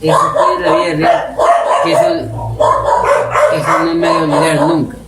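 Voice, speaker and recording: A man's voice: fairly high pitch, normal speed. Man telling stories, distant and noisy. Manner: lively, acts out his own shouts in stories. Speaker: storyteller interviewee. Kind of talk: casual oral-history storytelling. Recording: distant mic with loud noise and dogs barking.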